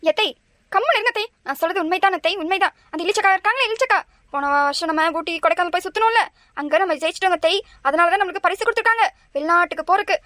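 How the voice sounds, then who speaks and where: A woman's voice: very high-pitched, expressive, rapid-fire, sharp tone, no room sound, exaggerated voice. A woman voicing a pleading, chatty young daughter-in-law in a cartoon. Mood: eager. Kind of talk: cartoon voice acting.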